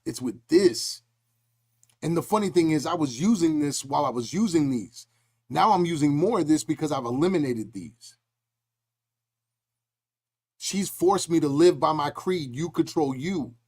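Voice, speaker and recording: A middle-aged man hosting a podcast in casual talk, telling lively stories and acting out voices as he goes. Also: on the high side, moderate pace, long pauses, slightly rough. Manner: animated storytelling, acts out quoted voices. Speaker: podcast host.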